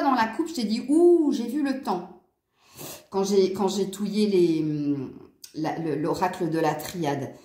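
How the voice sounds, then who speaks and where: A woman with a southern French accent gives her viewers a casual tarot reading, chatting and rambling with frequent fillers and asides. Her voice is a little high and a little mellow, and the room is echoey.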